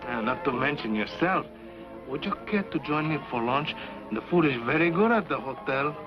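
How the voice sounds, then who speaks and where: An actor playing a gallant, teasing sidekick with flowery, playful courtesy. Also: male voice, a little high, expressive, normal speed, lightly acted. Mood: jovial. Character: jovial Mexican sidekick man, gallant and teasing. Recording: dull 1950s TV soundtrack with music.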